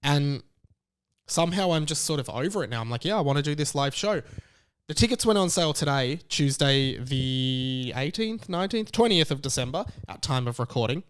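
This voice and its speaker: Talking on his own, this young Australian podcast host has a fairly high, smooth voice that's animated and at normal speed. He keeps things casual, chatty and emphatic throughout the monologue.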